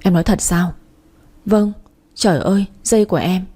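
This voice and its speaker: Storybook: a two-faced sweet-talking stepmother, low husky tone, read by a woman. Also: moderate pace, warm tone. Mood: sly coaxing. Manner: fake pleading, wheedling. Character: scheming young stepmother, falsely sweet.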